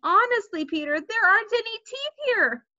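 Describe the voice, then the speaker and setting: A woman's voice: very high voice, animated, moderate pace, sharp tone, dry recording, dull audio, voice pushed up, exaggerated voice. A woman voicing a tearful, defensive young girl in a storybook, pleading and protesting. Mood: whiny, protesting.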